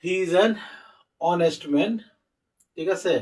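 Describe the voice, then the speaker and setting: High-voiced man teaching English slowly. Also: a little mellow, recorded from a distance, rough recording. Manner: spells out letters slowly, addressing students directly. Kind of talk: spelling and pronunciation lesson.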